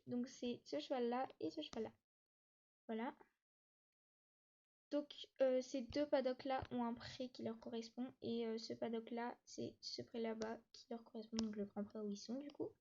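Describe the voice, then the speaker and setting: A woman with a slightly high voice narrates a casual walkthrough of her game map. She hurries, stumbles on fillers and restarts, and sounds a little short of breath. The recording is dull and muffled, like a cheap mic. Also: warm tone. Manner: hesitant, many fillers and restarts; talks fast, says she struggles to catch her breath. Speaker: YouTuber giving a tour of her game map. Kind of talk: casual gameplay tour narration.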